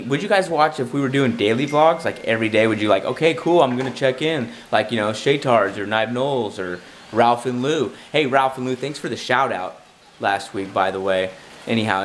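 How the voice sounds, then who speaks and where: A man with a raspy, hoarse voice from a cold, chatting casually and rambling a bit in a self-deprecating, jokey way to his vlog camera. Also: medium pitch, a little hiss or hum, poor audio. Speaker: vlogger.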